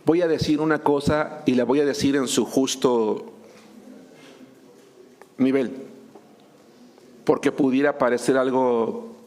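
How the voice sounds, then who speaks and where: A man's voice: medium pitch, fairly even intonation, takes it slowly, long pauses, a little mellow. A man, a pastor preaching a sermon, joking and acting out little scenes between husbands and wives. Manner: humorous, acts out couples' dialogue.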